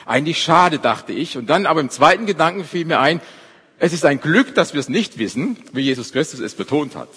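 A man preaching a sermon at a church service, stressing his words one by one and often dropping to a quiet close. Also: fairly high pitch, expressive, a little fast, breathy edge. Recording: long hall reverb.

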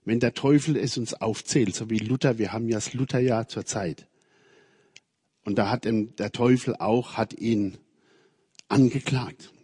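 A man preaching a sermon, moving between loud emphatic passages and very soft, quiet phrases. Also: mid-range voice, a little slow, husky, dry recording, clean studio sound. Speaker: preacher, member of a religious community.

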